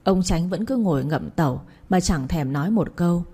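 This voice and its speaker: A woman reading a period story aloud, doing every role in one steady voice. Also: fairly low pitch, moderate pace, husky. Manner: reads all roles in one steady voice. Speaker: audiobook narrator. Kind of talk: storybook narration of a period romance.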